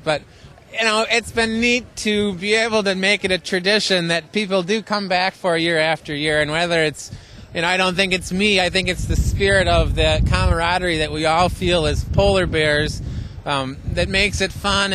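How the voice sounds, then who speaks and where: High, bright-voiced American man, modest. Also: slight background noise. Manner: modest, plain-spoken, halting. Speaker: event organizer being interviewed. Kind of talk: casual interview.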